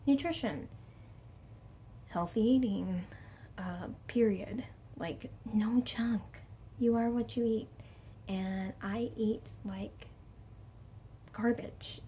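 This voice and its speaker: A woman's voice: mid-range voice, mellow, slight background noise. A woman in her late twenties talking candidly in a casual personal vlog, chatty and self-mocking with plenty of fillers. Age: late 20s. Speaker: vlogger.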